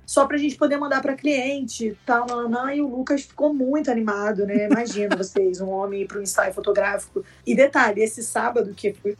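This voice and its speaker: A young woman's slightly high, husky voice tells a story to listeners in a chatty podcast style. She sits a bit back from the mic, with faint music underneath. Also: steady tone, a little fast, few pauses, recorded from a distance. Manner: chatty, addresses listeners directly. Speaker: podcast host. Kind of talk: casual storytelling chat.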